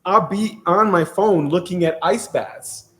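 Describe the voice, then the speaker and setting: Higher-voiced man in casual, animated chat. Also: a little slow. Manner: animated, repeats phrases for emphasis. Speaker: podcast guest. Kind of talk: casual chat, recounting an experience.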